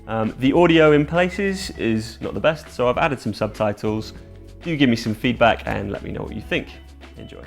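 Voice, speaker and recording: A man with a low, gravelly voice hosts a vodcast and asks measured, polite questions. Music plays clearly behind him. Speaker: vodcast host and interviewer. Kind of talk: scripted intro and interview questions.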